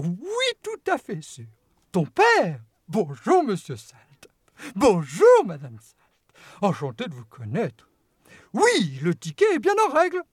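Woman voicing a mischievous little chocolate-maker, gushing and theatrical, wildly swooping pitch, dry studio sound. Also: husky, no room sound, exaggerated voice. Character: small, lively, mischievous male chocolate-maker. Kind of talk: audiobook character voice.

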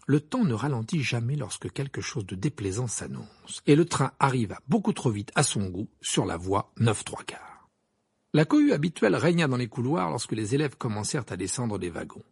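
Gravelly, husky male audiobook narrator. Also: mid-range voice, big pitch swings, normal speed, dry recording, clean studio sound.

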